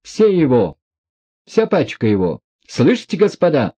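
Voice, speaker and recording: A man's voice: on the high side, wildly swooping pitch, a little slow, mellow, husky, pitched above the performer's own voice, exaggerated voice. A man voicing an imperious reckless young woman. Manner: commanding, exclamatory.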